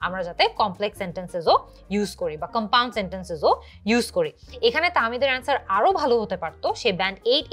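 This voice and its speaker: A woman's voice: fairly high pitch, a bit bright. A young woman from Bangladesh teaching an exam prep lesson, explaining step by step and mixing English terms into her Bengali.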